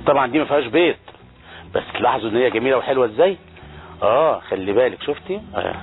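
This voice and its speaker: A man's voice: mid-range voice, animated, very fast. A man with an Egyptian Arabic accent hosting a TV cooking show, demonstrating dishes with exclamations and playful banter toward the crew. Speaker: TV chef and cooking show host. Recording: tinny phone-like broadcast audio with faint music.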